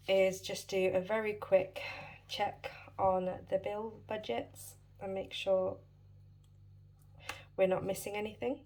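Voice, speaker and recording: Speaking in a lowish, slightly mellow voice, this budgeting channel host from the UK chats casually with a British English accent. She's apologetic and says um a lot, and she sounds somewhat wheezy and breathless as she gets over a chest infection.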